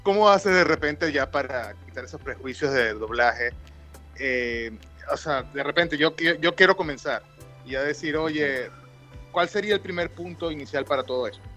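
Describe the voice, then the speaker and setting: Higher-voiced man hosting a chat. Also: lively intonation, normal speed, bright, forceful tone, soft background music. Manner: rambling, joking questions. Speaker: podcast host. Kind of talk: casual podcast conversation.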